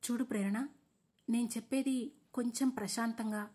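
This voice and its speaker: A woman's voice: a little high, fairly even intonation, normal speed, warm tone, breathy edge. A woman voicing a young man calling off his engagement, hesitant but firm. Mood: tense. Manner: hesitant, firm under pressure.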